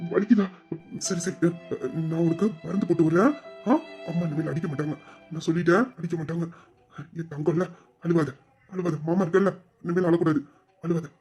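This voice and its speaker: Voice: sits high, very animated, fairly quick, long pauses, faint music behind. Voice actor as a fierce protective young uncle. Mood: soothing. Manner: scolding, then gently soothing. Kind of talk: family drama acting.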